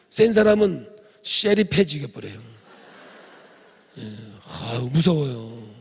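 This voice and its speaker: A man from preaches a revival sermon, his voice rough and gravelly with a husky edge. He sits a little high for a man and keeps turning to the congregation with jokes and asides. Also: darkish tone. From Chungcheong Province, Korea. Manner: humorous, addresses congregation directly. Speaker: pastor.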